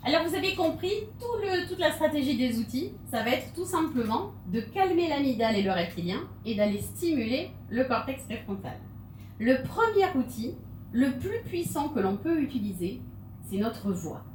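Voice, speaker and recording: A woman's voice: high-pitched, big pitch swings, moderate pace, a little mellow, a little hiss or hum. A woman giving a humorous stage talk, playful and theatrical, with laughing asides. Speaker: conference speaker. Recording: echoey hall, mic from far off.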